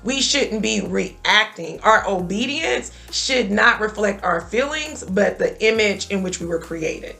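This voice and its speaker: A woman's voice: mid-range voice, animated, unhurried, gravelly, hardly any pauses, bright, forceful tone, soft background music. A woman in her thirties talking earnestly about faith and telling her own story as a guest on a talk show. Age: 30s.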